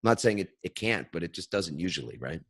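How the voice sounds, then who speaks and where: A man with a very low-pitched voice, hosting a conversational interview. He reflects as he talks, circling and restarting phrases while he works toward his point. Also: very animated, fast talker, vocal fry, a bit bright. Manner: reflective, thinks aloud with restarts. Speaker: podcast host.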